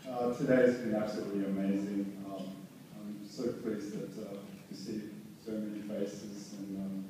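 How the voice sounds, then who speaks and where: A man giving a groom's thank-you speech at a wedding, pausing between phrases. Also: on the low side, level tone. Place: large echoing room at wedding reception. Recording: very echoey room, distant mic, noisy.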